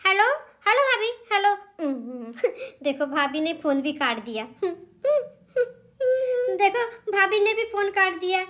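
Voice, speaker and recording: A woman's voice: extremely high pitch, fairly even intonation, moderate pace, a bit bright. A woman voicing a grieving young married sister in a doll drama, pleading and tearful.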